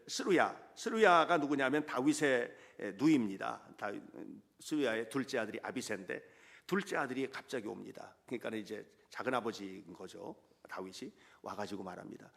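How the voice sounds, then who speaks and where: A male pastor preaching a sermon. His delivery is dramatic and swings from hushed whispers to loud exhortation, with frequent direct questions to the congregation. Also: medium pitch, vocal fry.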